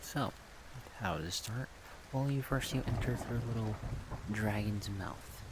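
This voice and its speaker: A low-voiced male ASMR video creator rambles softly, speaking slowly and haltingly as he thinks aloud in short phrases. A steady, rain-like noise is clearly audible behind him.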